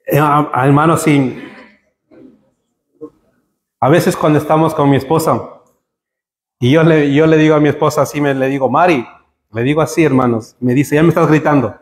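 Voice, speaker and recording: A man preaching a sermon to his congregation, joking with them and building to emphatic high peaks. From Spain. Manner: humorous, rising to emphatic peaks. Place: church hall. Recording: echoey church hall.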